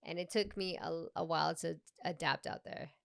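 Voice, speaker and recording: A young woman from Peru chats on a comedy podcast. She tells animated stories, slides between English and Spanish, and laughs through her anecdotes. Her voice is smooth and clear, recorded close and dry with no room sound. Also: low-pitched, moderate pace, dry recording. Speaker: podcast co-host and stand-up comedian. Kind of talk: casual podcast chat.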